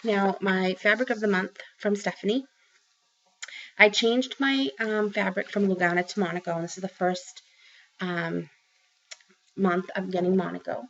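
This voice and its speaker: Speaking at a normal pace with a steady, medium-pitched voice, she pauses often against slight background noise. She's a craft vlogger in her forties with a Boston accent, from the Boston area of Massachusetts, chatting to camera about a craft haul and rambling through ums and restarts. The sound comes from a webcam close up in a small room at home and is dull and lo-fi.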